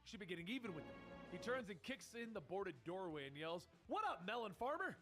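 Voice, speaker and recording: A man narrates a story recap with quick, animated storytelling. His voice is high and lively, jumping around in pitch, with faint music underneath.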